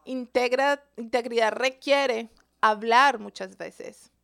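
Woman Bible teacher, sermon delivery, high voice with gravelly fry, quizzes the congregation. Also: fairly even intonation, slow pace, a bit bright. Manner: asks the listeners questions.

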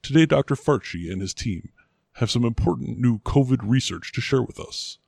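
A man playing a formal, prim gentleman interviewer with a proper, fussy way of talking. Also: mid-range voice, lively intonation, moderate pace, creaky, breathy edge, no echo, studio quality. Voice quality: formal, prim, increasingly exasperated. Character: stuffy, proper male interviewer, middle-aged man. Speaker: interviewer in a comic sketch.

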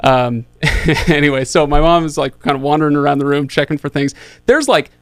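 A man's voice: a little high, brisk, clear, resonant tone, no room sound. A man in his thirties hosting a podcast, telling a rambling story in a casual, chatty way, with lots of fillers and restarts. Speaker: podcast host.

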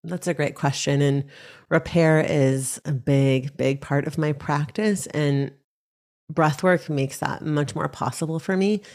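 A woman breathwork teacher speaking as a podcast guest, talking in a measured, reflective way. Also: low voice, fairly even intonation, darkish tone. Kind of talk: podcast interview.

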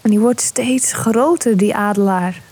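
A woman guiding a visualization meditation, speaking softly and soothingly and often slipping into a whisper. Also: mid-range voice, a little slow, husky, poor audio. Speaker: meditation guide.

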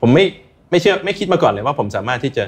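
A man appears as an interview guest, a recreational runner earnestly sharing his own experience and advice in a casual chat. His husky, medium-pitched voice swings widely in pitch, and he talks rapid-fire.

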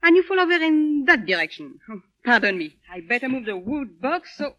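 High-voiced, feisty young woman. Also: very animated, a little fast, fairly bright tone, highs cut off. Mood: gleeful, taunting. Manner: theatrical, blunt, teasing, complaining. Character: feisty, fussy, teasing young foreign woman. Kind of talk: old Hollywood film comedy acting.

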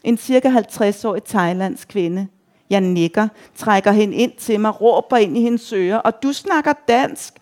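A woman reads a first-person literary story aloud in an even, measured way. When her narrator shouts, she lifts her voice noticeably higher and louder. Her pitch otherwise sits in a middle range for a woman. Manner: measured reading, quoted shouts raised high and loud.

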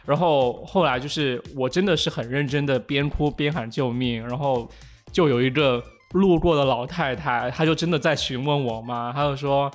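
A man co-hosting a casual podcast chat, telling a childhood story in animated, halting fashion with many restarts. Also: mid-range voice, faint music behind. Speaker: podcast co-host.

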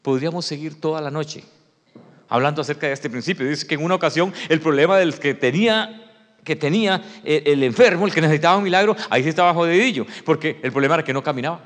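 A man preaching a sermon, acting out the story and swinging from shouts to hushed tones. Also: fairly high pitch, fast talker. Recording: long reverb of a hall.

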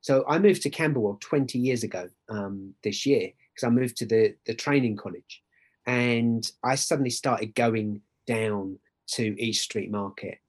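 This Essex-accented, middle-aged church worker tells personal stories as a guest on a podcast, keeping it conversational. He has a mid-range voice and a measured pace. Earnest and emphatic, he frequently asks "right?" to check in.

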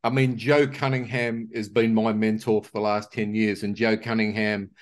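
A man's voice: fairly low pitch, flat delivery, normal speed. A man hosting a podcast interview, talking in a rambling, hesitant way with many restarts. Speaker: podcast host. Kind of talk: casual interview chat.

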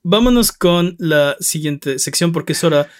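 A man's voice: fairly high pitch, lively intonation, normal speed. A man hosting a casual gaming podcast, joking around and introducing segments like an announcer. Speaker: podcast host.

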